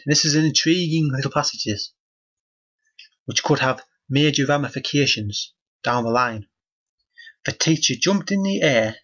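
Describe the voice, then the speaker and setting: Husky man, deadpan mock-outrage. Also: medium pitch, lo-fi sound. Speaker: host reading a children's book. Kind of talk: comic book reading with running commentary.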